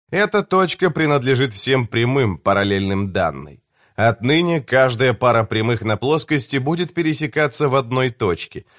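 A man giving a measured, deliberate first-person reading of a novel as an audiobook narrator. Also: mid-range voice, no room sound, studio quality.

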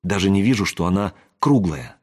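A man reading an audiobook aloud, voicing a wary young woman who talks in a hushed whisper. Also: low-pitched, animated, normal speed, breathy edge. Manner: whispering, hushed and matter-of-fact.

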